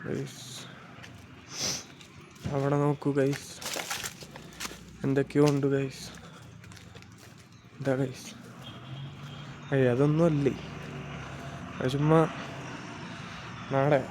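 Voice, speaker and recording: A man's voice: medium pitch, little pitch movement, extremely slow, pauses often. A man giving casual vlog commentary, pointing out what is around. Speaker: travel vlogger. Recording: noisy outdoor phone video.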